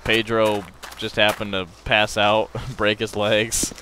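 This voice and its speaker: Speaking slowly in a fairly low voice, a young gameplay channel host chats through a zombie survival game alongside a friend. His commentary wanders, with crude humor and sudden excited outbursts. His headset mic picks up background noise.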